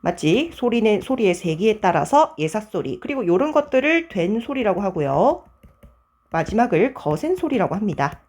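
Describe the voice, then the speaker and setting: Brisk woman teaching a grammar lecture. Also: mid-range voice, sing-song, a little mellow. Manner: brisk, keeps checking with students with "맞지?" and "자,". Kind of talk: online exam-prep lecture.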